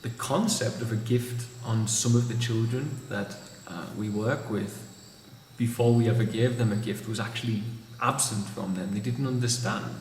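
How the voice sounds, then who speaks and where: A man vlogging in a reflective, unhurried way, recorded in an empty room with a big hall echo. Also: lowish voice, darkish tone, slight background noise. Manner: thoughtful, unhurried, restarts phrases. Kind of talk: reflective monologue. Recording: echoey empty room with long reverb.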